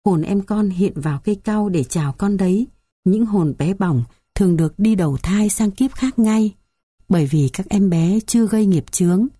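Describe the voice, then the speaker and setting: A woman voicing a kindly old grandmother who comforts a grieving child, speaking softly and soothingly. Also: mid-range voice, husky, no echo, clean studio sound. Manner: soft, soothing.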